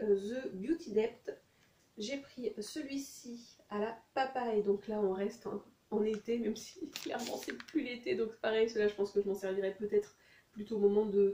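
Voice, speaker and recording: A woman's voice: medium pitch, warm tone, distant mic. Hesitant woman vlogger, echoey room. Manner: hesitant, many fillers. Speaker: beauty vlogger. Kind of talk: casual haul video.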